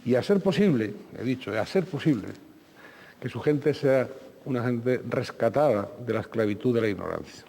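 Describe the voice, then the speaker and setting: Man, TV interviewer, courteous, formal, gravelly voice, long reverb. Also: medium pitch, animated, normal speed, warm tone, a little hiss or hum.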